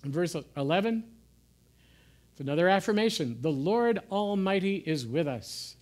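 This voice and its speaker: A man giving an informal sermon in a gentle, conversational way, sometimes dropping to soft, hushed asides. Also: high voice, lively intonation, normal speed. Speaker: pastor. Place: church.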